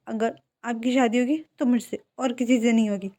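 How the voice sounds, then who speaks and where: A woman's voice: on the high side, fairly even intonation, moderate pace, dark tone, lightly acted. A woman voicing a stammering heartbroken young man. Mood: insistent. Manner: stammering, repeating words.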